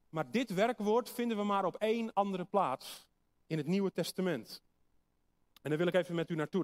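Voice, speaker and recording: A high-pitched man delivers a sermon to a congregation. He explains things patiently and poses questions for his listeners to think over. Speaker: preacher. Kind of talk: sermon with Bible reading.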